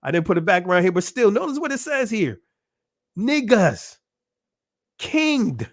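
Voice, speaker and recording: A man's voice: high voice, very animated, moderate pace. A man giving a casual religious teaching talk, emphatic and repetitive, often asking rhetorical questions and laughing between points. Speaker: channel presenter.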